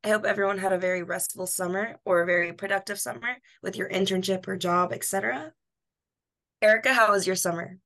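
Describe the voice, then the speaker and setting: A woman's voice: medium pitch, steady tone, fast, fairly bright tone. A young woman, a podcast host, leading a casual chat in a friendly way. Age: young adult.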